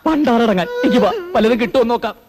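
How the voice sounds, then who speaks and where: An actor playing an excitable, bantering comic man in a film comedy. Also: very high voice, fast. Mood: exasperated. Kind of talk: Malayalam film comedy acting. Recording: loud music behind the voice.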